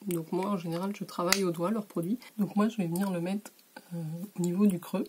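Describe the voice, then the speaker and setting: A woman in her bedroom giving a relaxed, chatty makeup tutorial, with many hesitations, sometimes dropping to a whisper while she applies product. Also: fairly low pitch, fairly quick, a little hiss or hum. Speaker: beauty vlogger. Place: warm bedroom.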